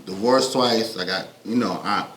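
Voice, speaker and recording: A man's voice: fairly low pitch, moderate pace. A man co-hosting a podcast, talking in a laid-back, reflective way with loose, rambling thoughts. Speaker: podcast co-host. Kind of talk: casual podcast chat. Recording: echoey room with faint background noise.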